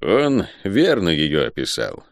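A man voicing a shaken male mage who talks in a hesitant, halting way. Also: sits low, huge pitch swings, no room sound, studio quality, exaggerated voice.

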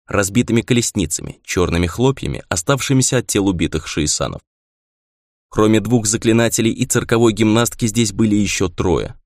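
A man narrating a fantasy novel as an audiobook in a measured, expressive reading. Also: lowish voice, dry recording, clean studio sound.

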